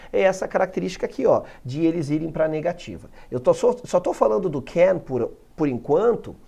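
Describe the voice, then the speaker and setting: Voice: medium pitch, gravelly, a little mellow, slightly rough. A teacher with a Brazilian accent giving a recorded grammar lesson, joking and asking rhetorical questions. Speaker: English teacher.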